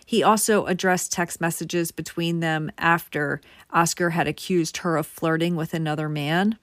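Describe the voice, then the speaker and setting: Woman telling a true crime story to her viewers, lowish voice, dry close sound. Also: steady tone, moderate pace, fairly bright tone, no echo. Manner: conversational, addresses viewers directly. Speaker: true crime channel host. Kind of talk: casual true crime narration.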